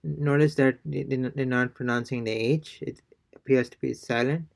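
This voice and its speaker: A man's voice: mid-range voice, steady tone, normal speed, creaky. A man teaching a casual language lesson, hesitant, with many fillers and restarts. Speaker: Spanish teacher.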